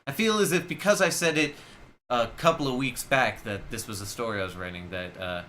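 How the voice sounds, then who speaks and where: A man's voice: mid-range voice, a little fast, bright, forceful tone, a little hiss or hum. A man co-hosting a casual chat, rambling and stumbling over his words. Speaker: co-host, writer.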